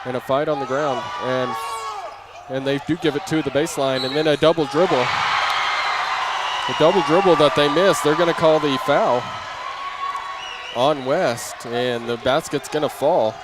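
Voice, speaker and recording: A loud crowd fills the gym as a man with a fairly high, steady voice gives live basketball play-by-play at normal speed. His commentary comes in clipped, running phrases amid clear game noise and a bouncing ball.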